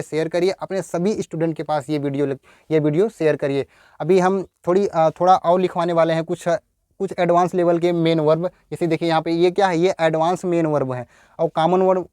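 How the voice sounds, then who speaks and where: A man's voice: on the high side, a little mellow, clean tone, no echo, studio quality. A man teaching English grammar in Hindi, repeating words and asking his students rhetorical questions. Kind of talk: Hindi-language grammar lesson.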